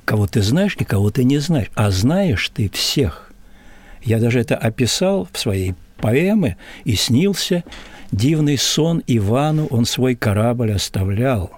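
An older man speaks slowly and solemnly, taking his time over each phrase. His voice sits at an ordinary pitch, and the recording is close and dry, with no room sound. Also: darkish tone, dry recording. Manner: measured, solemn, unhurried phrasing. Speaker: interview guest. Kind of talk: reflective interview answer.

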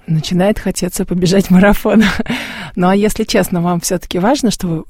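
Male interviewer, higher voice but soft and warm, asks long careful questions, dry sound. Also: steady tone, husky, dry recording. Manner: measured, long framed questions.

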